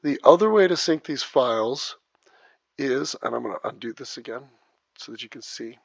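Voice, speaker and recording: A man teaching video editing step by step, narrating each click as he works, heard through low sample rate, muffled audio. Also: lively intonation, normal speed, gravelly, slightly rough, dry recording. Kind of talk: step-by-step screen tutorial. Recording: dull lo-fi dry voice track.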